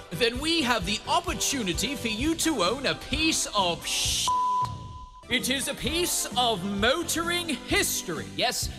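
An announcer reading a scripted radio contest promo in the style of a mock car advert. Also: mid-range voice. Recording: music bed under the voice.

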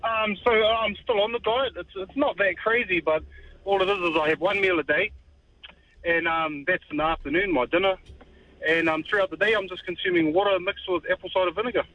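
A man's voice: sits high, a little fast, bright, forceful tone. A man chatting casually as a radio caller over a dull phone line. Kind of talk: casual chat.

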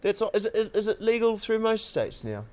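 A man's voice: sits high, big pitch swings, a little mellow. A man with a New Zealand accent co-hosting a radio interview, playful and teasing. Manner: playful, teasing, quick questions. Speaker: radio co-host.

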